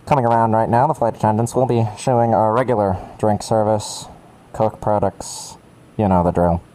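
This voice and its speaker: A man's voice: on the low side, fairly even intonation, moderate pace, warm tone, natural voice, poor audio. A man voicing a laid-back airline pilot making cabin announcements in a drawling, offhand tone.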